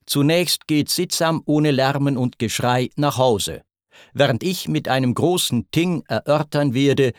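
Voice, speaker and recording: A man voicing a fussy, complacent old king who speaks in slow, pompous pronouncements. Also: mid-range voice, dry recording, studio quality, lightly acted.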